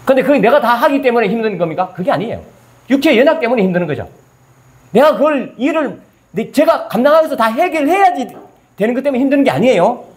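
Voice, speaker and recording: A man preaches a sermon in a high voice that swings widely in pitch. He puts questions to the congregation and answers them himself. Now and then he acts out scripture in plain, casual speech. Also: sing-song, quick pace. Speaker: pastor.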